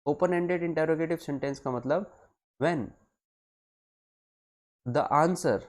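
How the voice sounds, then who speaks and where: A man leads a live online class, explaining things deliberately and repeating key phrases as he moves between Hindi and English with his students. His voice sits a little high and has a slightly dark tone.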